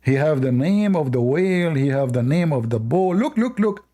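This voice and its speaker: Male debate host, scornful and combative, non-native English, higher-pitched with a soft, dark tone. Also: very animated, normal speed. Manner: mocking, combative, laughs at opponents. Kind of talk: live debate commentary.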